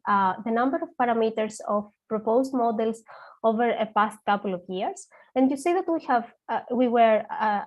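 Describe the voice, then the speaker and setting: A young woman, a PhD student, giving a technical conference talk remotely over a video call, with frequent hesitant "uh" fillers. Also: fairly high pitch. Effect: speaking remotely over a video call. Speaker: PhD student presenting research.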